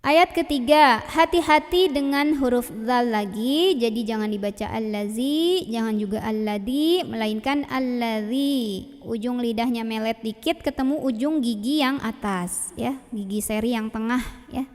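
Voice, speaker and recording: A woman teaching Quran recitation, patiently modeling and repeating each Arabic sound slowly. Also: fairly high pitch, long reverb tail. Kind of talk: tajwid pronunciation lesson.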